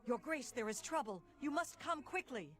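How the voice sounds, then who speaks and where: A woman's voice: high-pitched, expressive, normal speed, soft background music. A woman playing a loyal soldier messenger in a fantasy game, formal and urgently pleading. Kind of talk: fantasy game character acting.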